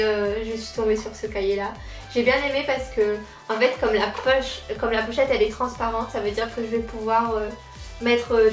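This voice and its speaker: Chatty young woman in a roomy echo. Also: a little high. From La Réunion. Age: 20s. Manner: chatty, keeps repeating how much she likes things. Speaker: lifestyle vlogger. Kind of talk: casual back-to-school haul vlog. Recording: roomy sound, mic at a distance, faint background music.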